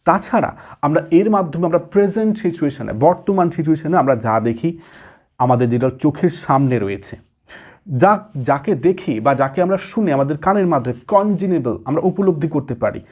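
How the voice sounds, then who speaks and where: A man giving an exam-prep lecture from home, reading English definitions slowly and then explaining them in quicker talk with fillers. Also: fairly high pitch, expressive, darkish tone. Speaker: teacher.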